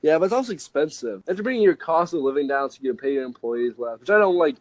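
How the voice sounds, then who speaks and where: A man's voice: on the high side, expressive, fast, no room sound, poor audio. A young man co-hosting a podcast, rambling jokily in casual chat and filling his talk with "like". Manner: rambling, jokey, lots of "like". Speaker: podcast co-host.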